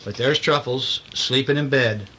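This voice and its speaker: A father reads a bedtime storybook to his children, acting out lines and sound effects with playful asides. His medium-pitched voice is unhurried, pushed and bright, captured in a noisy amateur home recording.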